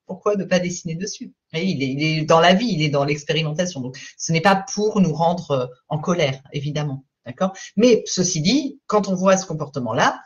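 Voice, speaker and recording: This parenting coach, a woman with a fairly low-pitched voice, streams a live talk in lo-fi sound. Her explanations are calm and patient, and she repeatedly checks in with the people watching.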